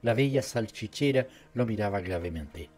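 Mellow man narrating an audiobook. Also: on the low side, lively intonation, moderate pace. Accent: Latin American Spanish. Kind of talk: scripted narration.

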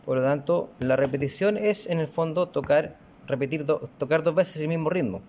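A man's voice: fairly high pitch, normal speed, a little mellow, slight background noise. A male music teacher, patiently explaining rhythms and counting them aloud in a recorded lesson.

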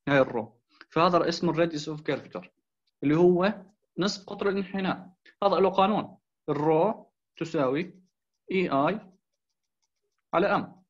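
A man with a Levantine Arabic accent gives a recorded engineering video lecture, explaining step by step, asking rhetorical questions and mixing in English technical terms. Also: fairly high pitch. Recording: dull lo-fi recording.

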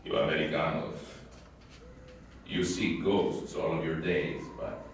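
An actor playing a menacing man who lectures Americans about ghosts, slow and ominous. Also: a bass voice, steady tone, creaky, a little hiss or hum, exaggerated voice. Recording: echoey distant room.

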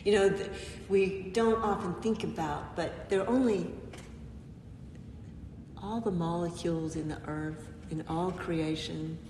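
A woman pastor preaches a gentle, unhurried sermon, pausing often between phrases. Her voice sits a little low and carries a long reverb, as though caught by a mic set well back in a church sanctuary. A faint hum of the room lingers behind her. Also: steady tone. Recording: echoey church, mic far off.

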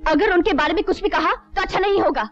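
A woman's voice: very high voice, fast talker. A defiant young college woman. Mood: contemptuous. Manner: sharp, contemptuous. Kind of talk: 1980s film melodrama. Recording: dull, music behind.

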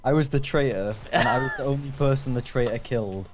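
A man's voice: medium pitch, a little fast, noisy background. A man playing an online game with friends, joking dryly and chuckling, talking into a headset. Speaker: gamer. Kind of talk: casual gaming chat.

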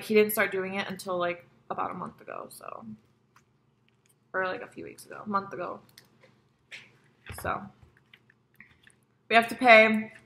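Bright-voiced young woman rambling casually. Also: mid-range voice. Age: young adult. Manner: rambling, profane, frequent "like". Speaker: vlogger. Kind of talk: casual mukbang chat. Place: at home.

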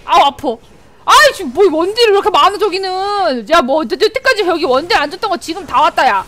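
A female game streamer commentating her own match live, exasperated, yelling at the game and grumbling to herself. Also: very high voice, animated, fairly quick, slight background noise.

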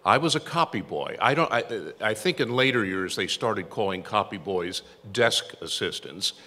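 Older male speaker at a tribute, wry anecdotal storyteller, forceful lowish voice, reverberant hall sound. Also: lively intonation, normal speed. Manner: storytelling, self-deprecating humor. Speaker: tribute speaker, former newsroom copy boy. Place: event hall. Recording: echoey hall with long reverb.

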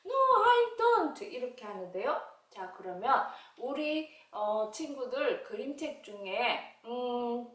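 A woman teaching English to young children, repeating each word slowly so they can echo it and calling them her friends. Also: a little high, a bit bright. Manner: calls herself teacher and addresses children as friends. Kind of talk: slow, sing-song lesson for young children. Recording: echoey room, voice distant from mic.

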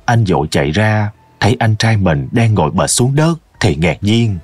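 A man narrating a scripted horror story in a slow, ominous storytelling manner. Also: on the low side, animated, breathy edge, no room sound.

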